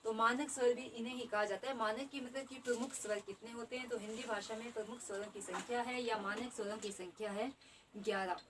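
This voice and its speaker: A woman's voice: a little high, fairly even intonation, brisk, far from the mic, noisy background. A woman teaching an exam-prep grammar lesson, explaining each term twice and repeating definitions.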